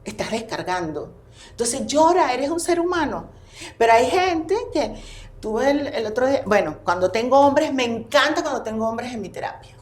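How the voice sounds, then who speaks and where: A woman's voice: fairly high pitch, moderate pace. A woman, a therapist talking animatedly as a podcast guest. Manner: expressive, animated storytelling. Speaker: family constellations therapist, guest. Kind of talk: casual podcast conversation. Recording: roomy echo.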